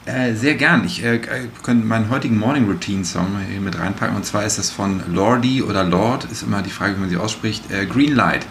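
A man's voice: on the low side, brisk, hardly any pauses, fairly bright tone, a little hiss or hum. A man joining a morning show as a guest, chatting in a dry, joking way. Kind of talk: casual chat.

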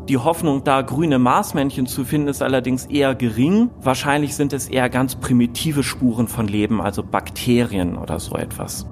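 Plain-spoken male expert with medium pitch. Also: a little hiss or hum. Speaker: astronomy expert, interview guest. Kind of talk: informal explaining for children.

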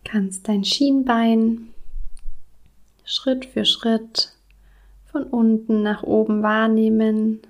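A woman guiding a body scan meditation, speaking softly and soothingly, with some words in a breathy whisper. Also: on the high side, little pitch movement, drawn-out words, long pauses. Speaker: meditation guide.

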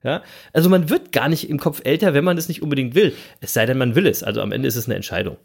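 A man's voice: medium pitch, fast, creaky, a little mellow, breathy edge. A man in his thirties co-hosting a podcast in casual chat, playful and teasing, laughing often. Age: 30s. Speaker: podcast co-host.

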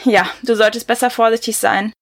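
A woman's voice: a little high, steady tone, brisk, vocal fry. Woman reading as a smug, belittling young man. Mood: mocking. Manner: dismissive, belittling.

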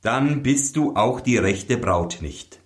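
A man's voice: mid-range voice, expressive, takes it slowly. A man voicing a young prince who questions firmly and insists. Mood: suspicious.

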